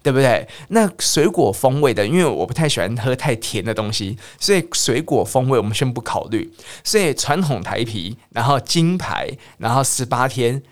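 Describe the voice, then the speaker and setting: Lively male English teacher, Taiwanese Mandarin. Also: mid-range voice. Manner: lively, drills pronunciation slowly and repeats words. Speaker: English teacher and podcast host. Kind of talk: bilingual English lesson podcast.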